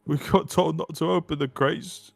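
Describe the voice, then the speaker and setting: A man's voice: on the high side, fairly even intonation, moderate pace, vocal fry, no echo, soft background music. Man voicing a scared, foul-mouthed dock guard. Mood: evasive. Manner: defensive, swearing, pleading. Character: captured nervous male dock guard, crude.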